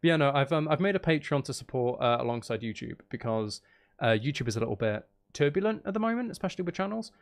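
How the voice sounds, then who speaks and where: A man with a gravelly, mid-range voice talks fast, his intonation lively. He's a streamer hosting his own channel, chatting casually and playfully during a live game stream, addressing both his viewers and himself.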